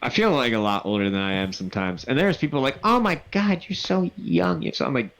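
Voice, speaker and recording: A man's voice: medium pitch, a little fast. A man, co-hosting a podcast and telling stories candidly, with swearing. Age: 20s. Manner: candid, swearing, animated storytelling. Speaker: podcast co-host. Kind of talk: casual chat.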